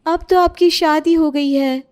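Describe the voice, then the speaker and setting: A woman's voice: high-pitched, steady tone, measured pace, darkish tone, pitched above the performer's own voice. A woman doing a mocking elder sister-in-law. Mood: teasing. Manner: teasing, mocking.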